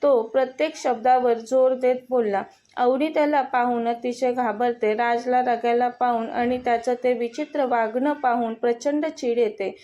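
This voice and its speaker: Marathi-accented woman reading a story out loud, kinda high voice, plays every character herself. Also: steady tone, normal speed, dull audio. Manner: reads all characters' lines in her own voice. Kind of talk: scripted story narration.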